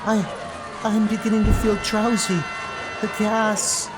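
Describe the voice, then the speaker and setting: A woman's voice: mid-range voice, little pitch movement, measured pace, lightly acted. Coy, pouting Wasp heroine acted by a woman. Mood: drowsy alarm. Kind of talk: comic-book dub acting. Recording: music under the voice.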